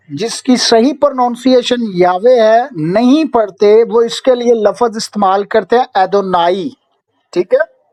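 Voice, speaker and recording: A man's voice: very high-pitched, a little mellow, no room sound. A man with a Pakistani Urdu accent teaching an online Bible and Hebrew lesson over a video call, patiently checking in with his students. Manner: patient, often checking in with "okay?".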